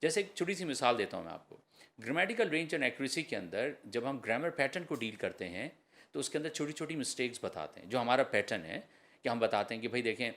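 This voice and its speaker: A man speaks as an IELTS trainer on a podcast. He explains step by step at a mid-range pitch and drops English terms in as he goes. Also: a bit bright. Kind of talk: podcast interview answers.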